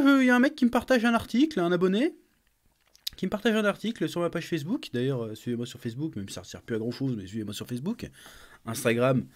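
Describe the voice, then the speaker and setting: A French man hosting a casual reaction video from a home desk setup, talking in an animated, jokey and crude way with many fillers and restarts. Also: medium pitch. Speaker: YouTube manga commentator. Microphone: webcam with a desk microphone.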